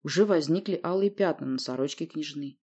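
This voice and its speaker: A woman reading a fantasy novel aloud in first person, in an even storytelling manner. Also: deep voice, a little fast, lo-fi sound. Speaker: audiobook narrator. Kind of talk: scripted narration.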